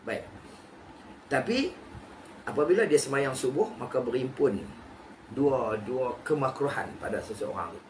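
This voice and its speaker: A man teaching a religious text, posing questions to his class and answering them, repeating key phrases slowly. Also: mid-range voice, lively intonation. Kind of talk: kitab study lecture. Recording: noisy recording with background ambience.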